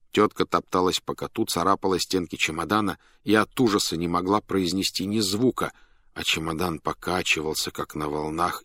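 A man reading a story aloud as narrator, in an animated, dramatic manner that speeds up and slows down. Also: sits low, no room sound, clean studio sound.

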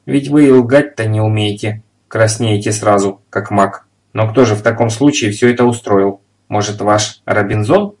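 A shrill, scolding landlady, as a male reader puts her on, loud and indignant. The voice is pushed a little higher than his own and sounds sharp with anger. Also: normal speed, hardly any pauses, close to an everyday voice. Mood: calmer. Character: furious middle-aged landlady.

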